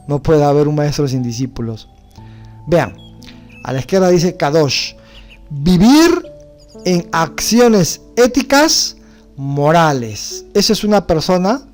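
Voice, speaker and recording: A man teaching a religious studies class, explaining words slowly with many rhetorical questions, from Bolivia. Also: a little high, a little mellow.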